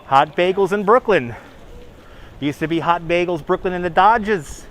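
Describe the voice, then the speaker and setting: A livestream host with a New York accent chats casually while walking outdoors on city streets, reading viewers' chat names aloud and laughing often. His voice sits high and a bit bright, at a moderate pace. The rough recording comes from a phone on a gimbal.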